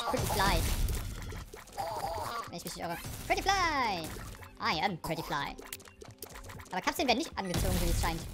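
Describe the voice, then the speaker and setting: A woman giving let's play commentary on a game, excitable, shrieking at danger, then dropping to low mutters, with English phrases sprinkled in. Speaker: gaming YouTuber.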